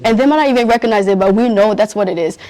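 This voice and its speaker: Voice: mid-range voice, racing, a little mellow, rough recording. A young adult, answering interview questions earnestly and searching for words. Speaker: youth interviewee at a community event.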